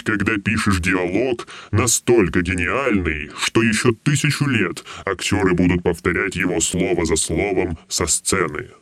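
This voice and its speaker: A stern, brooding shadow king homunculus for an audiobook, low and grave. He speaks slowly and heavily. The sound is dry and close to the mic. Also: a bit bright, no room sound. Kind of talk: audiobook role.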